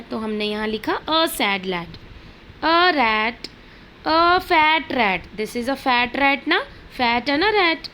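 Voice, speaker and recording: A young woman teacher gives an online lesson to small children, reading words aloud slowly and clearly for them to repeat. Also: fairly high pitch, sharp tone, a little hiss or hum, rough recording. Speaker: primary school teacher.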